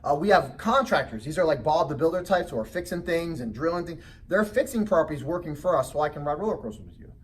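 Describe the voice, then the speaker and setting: A man presenting a real estate investing seminar, telling personal stories in an animated way and often checking in with rhetorical questions. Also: fairly high pitch, fast, few pauses, recorded from a distance, slight background noise. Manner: animated storytelling with frequent rhetorical check-ins. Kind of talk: motivational sales seminar talk.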